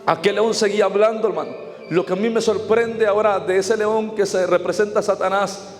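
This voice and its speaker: A Mexican Spanish-accented man preaches his testimony with great passion. His voice sits very high for a man. It echoes through a reverberant hall. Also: steady tone, brisk. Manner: impassioned preaching, quoting voices in his story. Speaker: evangelist. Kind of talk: sermon testimony. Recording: hall reverb, faint music behind.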